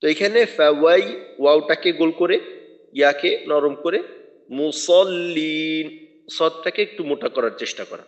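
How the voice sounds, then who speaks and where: Guy teaching tajweed, patient, chants verses slow, long echo on it. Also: fairly high pitch, lively intonation. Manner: patient, corrects pronunciation by modelling slow chanted recitation. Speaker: Quran recitation teacher. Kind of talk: online tajweed lesson. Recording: dull lo-fi audio with long reverb.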